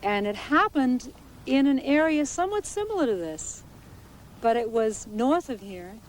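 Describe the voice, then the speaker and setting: A woman who works as a naturalist and park ranger, speaking in a documentary interview in a measured, halting way with small restarts. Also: high voice, big pitch swings, a little hiss or hum, poor audio. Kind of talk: interview recounting a bear attack. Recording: 1980s VHS documentary interview.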